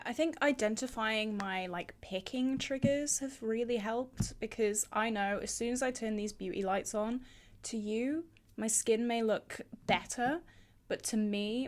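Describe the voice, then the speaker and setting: A woman in her twenties chatting casually as a beauty vlogger, with a bubbly, enthusiastic, rambling manner. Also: a little high.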